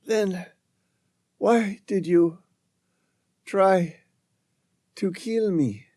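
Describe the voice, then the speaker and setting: A man voicing a desperate woman scientist trapped in the ice and dying, speaking in halting, pleading phrases in an audiobook. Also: high-pitched, warm tone, dry recording, studio quality, voice pushed up, heavily acted. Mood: accusing. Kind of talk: audiobook narration.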